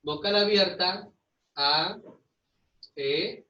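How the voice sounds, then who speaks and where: A man's voice: high-pitched, drawn-out words, muffled recording. A male teacher giving a grammar lesson, explaining step by step and often checking with his students. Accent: Peruvian Spanish.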